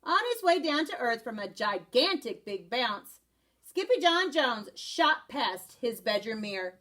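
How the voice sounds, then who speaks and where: Animated woman reading a storybook. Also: a little high, unhurried. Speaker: first-grade teacher. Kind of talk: reading a picture book aloud.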